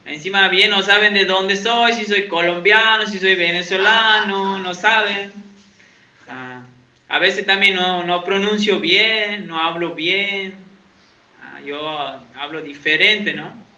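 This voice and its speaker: In an echoey church in Uruguay, recorded with dull lo-fi quality, an evangelical pastor from Santiago, Argentina delivers a conversational sermon. He speaks slowly in a high, bright, forceful voice, quizzing the congregation and using self-mocking humor.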